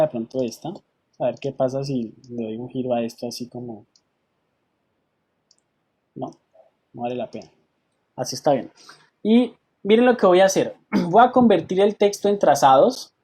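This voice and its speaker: A man teaching an online software class. He patiently explains each step and keeps checking in with his students over a video call. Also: fairly high pitch.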